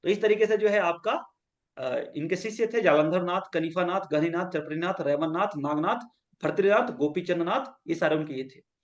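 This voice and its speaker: Male yoga teacher lecturing a class, high voice, storytelling, keeps checking that the students follow. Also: normal speed, lo-fi sound. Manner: asks the class to repeat points back; acts out quoted lines as he tells stories.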